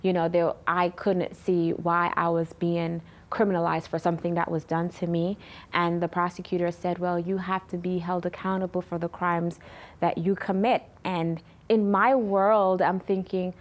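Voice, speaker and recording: Low-voiced woman sharing her story. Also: normal speed. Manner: earnest, animated when retelling conversations. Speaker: interview guest. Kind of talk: personal testimony in an interview.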